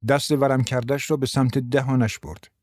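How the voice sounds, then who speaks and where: A man narrating an audiobook in an even, unhurried storytelling manner. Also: medium pitch, no echo, studio quality.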